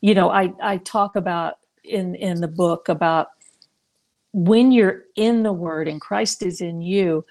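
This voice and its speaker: A woman's voice: fairly low pitch, measured pace, darkish tone. A middle-aged woman, a mother and author, speaking earnestly in a faith-based interview, often restarting her sentences and laughing lightly.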